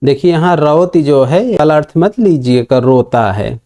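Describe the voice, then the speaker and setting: A man's voice: a little high, lively intonation, a little slow, dark tone. A man teaching a recorded online class, patiently explaining each verse line by line. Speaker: Sanskrit grammar teacher.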